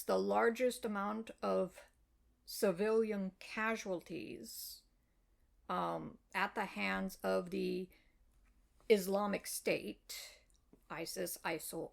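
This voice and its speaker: An American woman, an author, calmly replies to a reader's comment in a measured, explanatory way with frequent fillers. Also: mid-range voice, gravelly. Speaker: web fiction author. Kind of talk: reply video addressing a reader's comment.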